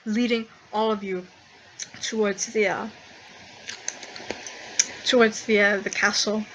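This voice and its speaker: A woman narrating as game master of a tabletop game, halting with many fillers and acting out short lines for the guards. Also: mid-range voice, flat delivery, background noise.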